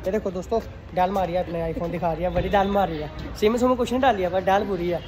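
A young male vlogger films on his phone outdoors in town and in a busy restaurant, chatting casually to viewers and calling them guys and friends. His voice sits high and he talks fast, while music and crowd chatter fill the noisy recording.

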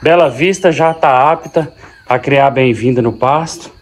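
A dairy farmer talks casually and fondly to his cows outdoors on a cattle farm, narrating a relaxed farm vlog. His voice sits in the mid range at a moderate pace. Faint sounds of animals, birds and insects drift in behind him.

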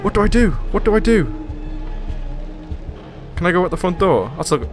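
A man's voice: sits high, lively intonation, moderate pace, over music. Jumpy man yelping through a horror game. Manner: jittery, swearing, talking to himself. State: frightened. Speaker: let's play gamer.

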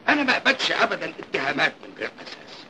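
An actor playing a kindly middle-aged husband who defends a maid, gentle and pleading but firm, with a slightly gravelly voice. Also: male voice, fairly high pitch, wildly swooping pitch, rapid-fire, background noise, exaggerated voice. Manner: soothing, pleading, then firm. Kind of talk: 1950s Egyptian film acting.

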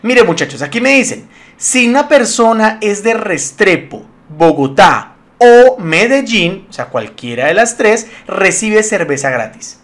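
A man's voice: high-pitched, very animated, normal speed, fairly bright tone. A man giving a casual spreadsheet lesson, chatty and laughing easily as he talks to his viewers. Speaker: Excel tutorial instructor.

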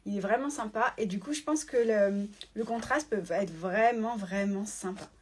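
A woman talking casually on a phone in selfie mode during a live giveaway, chatty and quick, reading viewer comments aloud. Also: medium pitch, slightly rough. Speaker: sewing shop owner hosting a live giveaway. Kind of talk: casual live stream chat.

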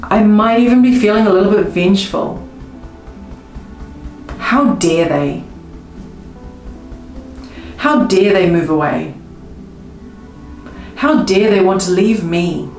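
A woman coaching viewers through a tapping session, speaking slow, emotive first-person affirmations. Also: medium pitch, a little mellow. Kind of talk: guided tapping script spoken in first person. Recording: roomy with faint music behind.

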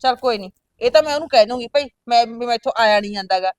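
Woman acting calm older sister and mom on a farm, talks quick, dry close sound. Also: a little high, dry recording, natural voice. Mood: placating. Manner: soothing, placating, often asks back "huh?". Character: placating older sister, farm-living mother, patient. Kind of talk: village family drama acting.

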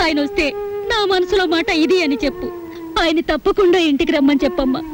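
An actress playing a jealous wife who scolds, then pleads tearfully, in a film scene. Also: female voice, extremely high pitch, fast talker. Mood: pleading. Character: shrill jealous wife hunting her husband, woman. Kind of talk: film dialogue. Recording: film soundtrack with background music.

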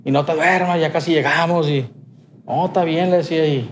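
A man's voice: fairly high pitch, steady tone, a little fast, slight background noise. Slangy Sinaloan man telling a story. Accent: Sinaloan Mexican Spanish. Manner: slangy and rambling, heavy swearing. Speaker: podcast guest. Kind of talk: casual storytelling.

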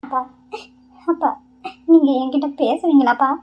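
A woman's voice: high-pitched, normal speed, natural voice. A woman voicing a worried young daughter in a cartoon, pleading tearfully with her father. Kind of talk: Tamil cartoon voice acting. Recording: dull lo-fi audio.

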